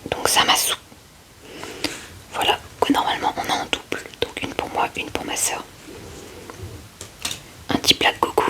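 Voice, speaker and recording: Close-miked and whispering, a woman hosts an ASMR session about her card collection, taking her time and speaking with a soft hesitancy.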